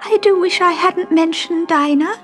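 Woman doing a tearful little girl, high and plaintive, storybook reading, lively swoops, music underneath. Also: normal speed. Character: young girl Alice, tearful and earnest.

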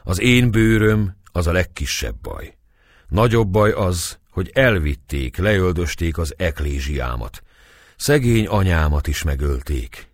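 A man's voice: deep voice, animated, no echo, studio quality. A man reading aloud and voicing a humble village priest who speaks mournfully. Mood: sorrowful.

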